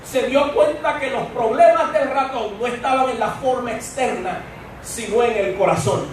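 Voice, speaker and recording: High-voiced preacher in an echoey church. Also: male voice, normal speed. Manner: emphatic, addresses the congregation directly. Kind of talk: sermon. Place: church sanctuary. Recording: echoey church from far off, faint hiss.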